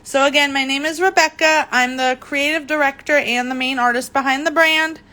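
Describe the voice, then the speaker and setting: Speaking at normal speed with fairly even intonation, a German woman with a high, pushed, bright voice chats through a live craft demo from an indoor craft table. She's a chatty young host who greets viewers by name and often fumbles words in this casual demo talk.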